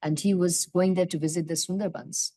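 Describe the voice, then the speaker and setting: A woman's voice: lowish voice, fairly even intonation, a little fast, mellow. A woman participant adding an informal point at a conference.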